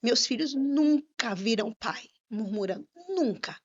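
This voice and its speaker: Gravelly woman minister telling a testimony. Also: medium pitch, fairly quick. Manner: earnest storytelling with fervent religious emphasis. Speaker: minister and podcast guest. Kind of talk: heartfelt personal testimony. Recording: slightly muffled podcast audio.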